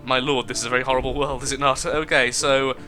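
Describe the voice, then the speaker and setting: A man's voice: medium pitch, flat delivery, fast, bright, forceful tone, soft background music. A young man chatting through a game in a casual, jokey way, reading the on-screen text aloud. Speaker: gaming video host. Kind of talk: casual gameplay commentary.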